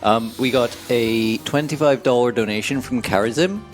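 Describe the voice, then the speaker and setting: A man's voice: mid-range voice, moderate pace, faint music behind. A man co-hosting a live stream, casually reading out donation messages. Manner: relaxed, reads donation messages aloud. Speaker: event co-host reading donations.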